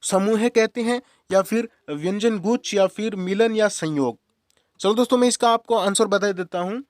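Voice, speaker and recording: A man's voice: high voice, normal speed, no echo, studio quality. A young man teaching Hindi grammar as a quiz, casually repeating each question and answer to drill it in. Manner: casual, addresses viewers as friends and brother. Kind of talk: quiz-style exam-prep lesson.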